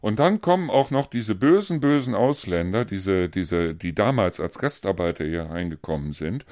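A man's voice: deep voice, lively intonation, moderate pace, darkish tone, no echo, clean studio sound. A man co-hosting a podcast in casual conversation, ranting bluntly and heatedly, hammering his points with repetition. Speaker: podcast co-host.

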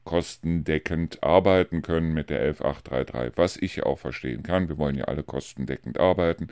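A man's voice: rumbling low, fairly quick, darkish tone, clear, resonant tone, no room sound, clean studio sound. A man hosting his own radio show, chatting casually and rambling through the week's news. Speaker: radio host. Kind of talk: casual monologue.

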